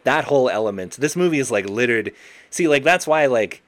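A man's voice: medium pitch, expressive, brisk, no room sound. A man co-hosting a film podcast in casual chat, rambling and correcting himself, laughing often. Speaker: podcast co-host.

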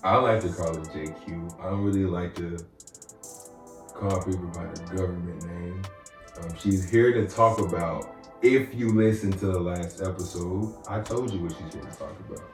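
A man's voice: sits low, moderate pace, faint music behind. A man hosting a podcast in casual chat, loose, slangy and joking with his guest. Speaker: podcast host. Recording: roomy, distant mic, faint ambience.

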